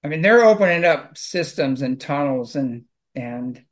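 A man speaks in a voice pitched a little above the usual for men. He chats casually and wanders from point to point in an earnest, rambling way. He talks about his work clearing houses. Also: lively intonation, measured pace. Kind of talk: casual conversation.

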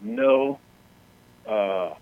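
A man's voice: lowish voice, huge pitch swings, creaky, no room sound. A man co-hosting a talk show makes his case with emphasis, swearing, and repeated restarts and fillers. His voice comes through dry and thin, as if over a phone line. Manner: emphatic, halting, full of fillers. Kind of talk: casual profane talk show discussion.

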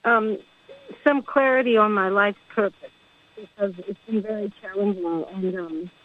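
Female caller, hesitant and halting, heard through a crackly phone line that fades in and out, thin and dry. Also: medium pitch, steady tone, no echo. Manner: hesitant, halting, full of ums. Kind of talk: call-in question to a radio show.

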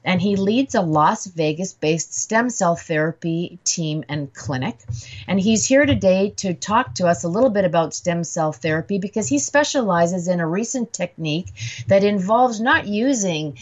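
A woman's voice: on the low side, dull audio. A woman hosting a radio health program, introducing a guest in a conversational way with occasional restarts. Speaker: radio show host.

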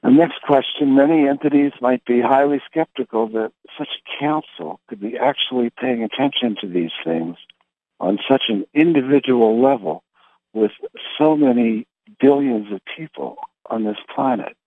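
A man leading a spiritual meditation talk, reading questions and answers deliberately in short, halting phrases. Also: medium pitch. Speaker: meditation leader. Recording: roomy, thin phone-like sound.

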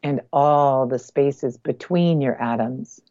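In an extremely low voice, a woman guides listeners through a meditation as a guest healer, speaking gently near the ear in careful, measured phrases with pauses. The sound is dry and lo-fi.

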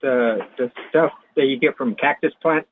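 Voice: mid-range voice, moderate pace. A person chatting casually as a participant on a group conference call. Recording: tinny phone-like line, faint noise.

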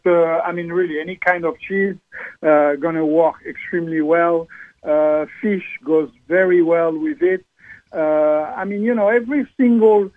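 A French-accented man talks on a radio show in a fairly high voice, stopping and restarting often. The sound is taped off the radio, dull and lo-fi, and dry with no room. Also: no echo. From France. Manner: halting, many fillers and restarts. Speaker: guest, champagne seller. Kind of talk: radio talk show interview.

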